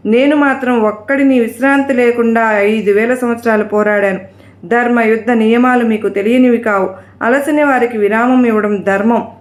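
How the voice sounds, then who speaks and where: Brief: woman reading a dignified male deity, measured and reasoning, higher voice, room echo. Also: steady tone, lightly acted. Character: calm, dignified male god Vishnu.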